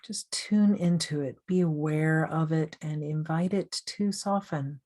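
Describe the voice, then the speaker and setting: A woman guides a meditation with a low, unhurried voice. She speaks softly and invitingly, drawing out her words with long pauses between them. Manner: slow, soothing, gently inviting. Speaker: meditation coach.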